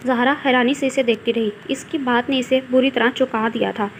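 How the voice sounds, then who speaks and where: A woman reading a novel aloud, narrating in a steady storytelling manner. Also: a little high, fairly quick, a little hiss or hum.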